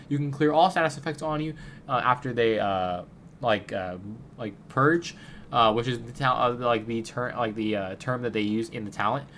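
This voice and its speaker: A man with a cold gives a loose, chatty game guide, and his voice comes out stuffy through a blocked nose. He wanders through his points with lots of fillers and restarts, at a middling pitch. A faint hiss sits behind him. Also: fairly bright tone. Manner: rambling, many fillers and restarts. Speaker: gaming video creator. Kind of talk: casual game guide commentary.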